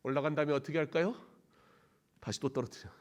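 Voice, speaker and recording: Preaching man, loud bursts and hushes. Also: fairly high pitch, fast talker. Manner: swings between loud emphatic bursts and quiet intimate preaching; acts out quoted phrases with big dramatic shouts. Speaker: pastor. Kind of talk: sermon. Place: church sanctuary.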